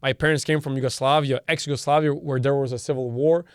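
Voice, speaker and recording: A man's voice: mid-range voice, steady tone, quick pace, clean tone, no room sound, clean studio sound. A young man from Canada, a Serbian native speaker, hosting a solo opinion podcast and hammering his points by number with lots of repetition. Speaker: podcast host.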